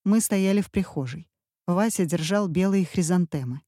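Woman storyteller, wry tone, dark mellow voice, dry close mic. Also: on the low side, normal speed, dry recording. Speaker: audiobook narrator. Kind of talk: storytelling audiobook narration.

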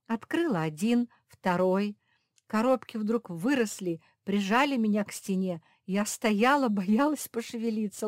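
A woman voicing a frightened young pug sister, telling her story in a breathless, loud way. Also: a little high, dry recording, clean studio sound, voice pushed up, lightly acted.

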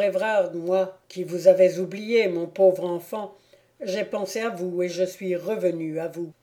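A stern aristocratic count, an older father who reasons gravely and slowly, as a woman reader voices him. The tone sits low and mellow, unhurried, with a solemn, persuasive weight. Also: lightly acted. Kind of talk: audiobook character reading.

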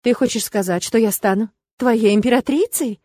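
A woman voicing a young female student heroine in an audiobook, soft and questioning, slightly plaintive. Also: a little high, moderate pace, no room sound, close to an everyday voice. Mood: anxious, spirited.

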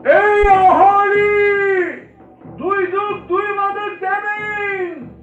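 A town crier of a radio play, crying out to the townsfolk at a very slow, drawn-out pace. The voice is pitched very high. It sounds echoey and far off. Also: male voice, steady tone, faint music behind, full character voice. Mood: loud proclaiming. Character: street crier calling out to the townspeople. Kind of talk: radio drama acting. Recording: echoey, distant, thin phone-like band.

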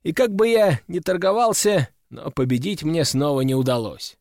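A man reading a first-person novel aloud in an expressive storytelling manner. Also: a little high, normal speed, no room sound, studio quality. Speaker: audiobook narrator. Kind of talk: first-person scripted narration.

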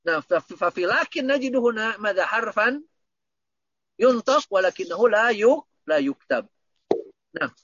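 A man's voice: sits high, lively intonation, normal speed, pauses often, a bit bright, no echo, highs cut off. A man teaching Arabic grammar online, patiently repeating points and quizzing his students.

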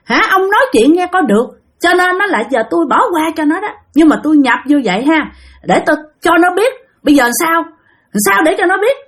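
Shrill mocking demon woman with a lilt, as a woman storyteller puts her on; swoops high and repeats her taunts. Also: expressive, a little fast. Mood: taunting shrill. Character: shrill cackling female demon possessing a young woman.

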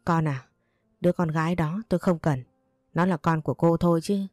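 A woman's voice: fairly low pitch, moderate pace, mellow, no room sound, clean studio sound, close to an everyday voice. A woman voicing a cold, dismissive husband who speaks curtly and without feeling in a storybook reading. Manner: curt and indifferent. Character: cold, dismissive young husband leaving his wife.

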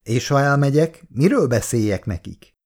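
A wary old father bargains and questions with suspicion, as a man reads him. The voice is gravelly and moves lively through its pitch. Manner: hesitant, suspicious.

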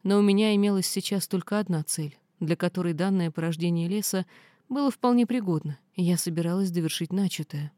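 A woman reading a first-person fantasy novel aloud in steady storytelling. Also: on the low side, fairly quick, no echo, clean studio sound. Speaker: audiobook reader.

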